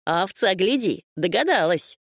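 A woman doing a fussy, grumbling beaver in a children's story. He scolds with lively swings of pitch. The sound is close and dry. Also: moderate pace, slightly rough, no room sound. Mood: gruff. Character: gruff, fussy male beaver.

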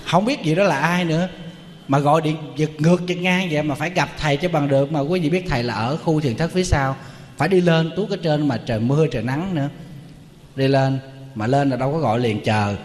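A man's voice: fairly high pitch, a little fast, long reverb tail. A man, a Buddhist monk giving a humorous, storytelling sermon.

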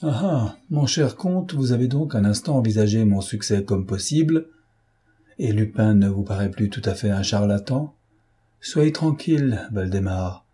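A man reading an audiobook, voicing a self-assured, ironic gentleman thief in a low, husky voice. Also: animated, moderate pace. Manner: mocking, breezy.

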